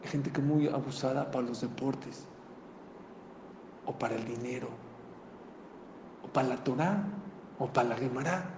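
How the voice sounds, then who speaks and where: Rabbi guy preaching, lively storytelling, long hall reverb, faint noise. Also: medium pitch, moderate pace, pauses often. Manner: animated, conversational, asks the audience. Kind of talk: sermon with storytelling.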